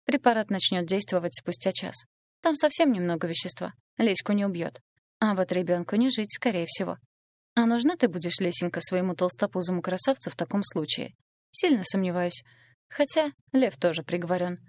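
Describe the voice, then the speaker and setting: A woman's voice: fairly low pitch, lively intonation, a little fast, no echo, clean studio sound, lightly acted. A woman voicing a scheming young female traitor who talks in a smug, sneering way, for an audiobook.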